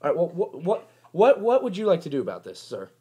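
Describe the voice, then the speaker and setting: A man's voice: a little high, huge pitch swings, quick pace, warm tone, breathy edge. A man on a phone call as a staff member, stammering and overly polite.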